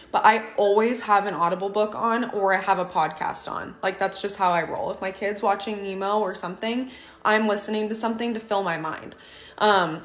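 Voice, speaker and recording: Holding her phone at arm's length, a young mom who leads a team livestreams casually from her home kitchen, offering earnest advice. Her mid-range voice is raspy and hoarse from a cough that hasn't gone away. The room gives off an echoey kitchen sound.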